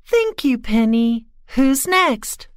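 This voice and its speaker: A woman's voice: sits high, big pitch swings, slow pace, dry recording, clean studio sound, full character voice. Woman voicing a kind new schoolteacher. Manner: clear, careful, encouraging. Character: friendly new female schoolteacher. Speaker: teacher in a listening exercise. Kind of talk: slow scripted textbook dialogue.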